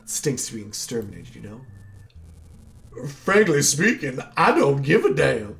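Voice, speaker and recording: A man's voice: mid-range voice, very animated, unhurried, creaky, a bit bright, heavily acted. Brief: man doing a smug hunter villain for a game, theatrical drawl, swoopy and sneering. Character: arrogant male monster hunter villain, gloating.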